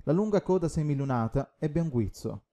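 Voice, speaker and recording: A man reading a novel aloud as audiobook narrator in a steady, measured way. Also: fairly high pitch. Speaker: audiobook reader. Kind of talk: scripted narration.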